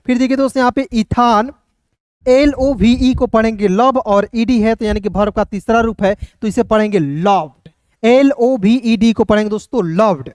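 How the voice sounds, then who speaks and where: A man teaching English reading in Hindi, spelling words letter by letter and often checking if it's clear. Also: sits high, moderate pace, a little mellow, no echo, clean studio sound. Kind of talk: reading lesson taught in Hindi.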